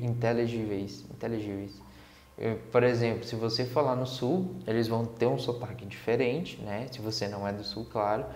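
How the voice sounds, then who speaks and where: A man teaching English to Portuguese speakers. He reads the text aloud slowly and explains it in Portuguese. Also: mid-range voice, darkish tone. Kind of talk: guided reading lesson, slow read-aloud. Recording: echoey room.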